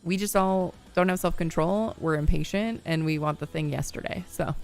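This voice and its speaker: Streaming a game live, this thirty-something woman keeps up a cheerful, chatty flow with her viewers, laughing often and leaning on "like" and "you know." Her voice is fairly low, gravelly and darkish at a normal pace, with soft music in the background.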